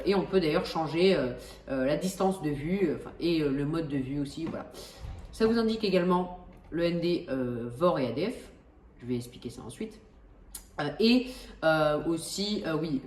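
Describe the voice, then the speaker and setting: A woman's voice: deep voice, darkish tone, roomy sound, recorded from a distance. A woman hosting a flight simulator tutorial, talking casually with lots of hesitations and restarts and joking at herself. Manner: chatty, many hesitations and restarts, self-joking.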